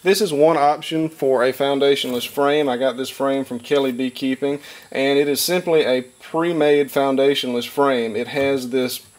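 A man in his thirties giving a relaxed, hands-on beekeeping lesson in a wood-paneled workshop, talking plainly with frequent fillers. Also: medium pitch, moderate pace. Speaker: beekeeper and channel host. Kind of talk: hands-on instructional talk.

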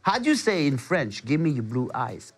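A man putting on the voice of an excited American male musician who speaks in drawling, enthusiastic English phrases. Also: medium pitch, moderate pace, husky, soft background music. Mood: effusive.

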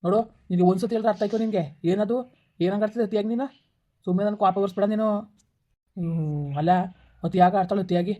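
Brief: woman as callous young boyfriend, flat dark delivery, no patience. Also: medium pitch, lo-fi sound, natural voice. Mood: scornful. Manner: curt, scolding, rapid-fire. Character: harsh dismissive young man breaking up. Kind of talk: village skit acting.

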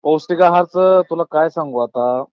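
With faint music behind him, a man with a rural Maharashtrian accent speaks on a phone call at normal speed, his fairly high voice clear and resonant. He delivers an earnest, colloquial, philosophising monologue full of opinions, often calling the listener brother, on a dull lo-fi line that is close and dry with no echo.

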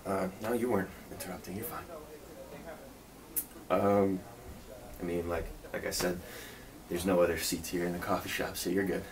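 Low-voiced, nervously laughing shy young man, acted by a man. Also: steady tone. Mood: shy, hesitant. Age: 20s. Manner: hesitant and halting, nervously laughing off his awkwardness. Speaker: solo role-play performer. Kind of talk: spoken role-play to the listener, casual small talk. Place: indoor room at home. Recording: distant mic, clearly noisy room.

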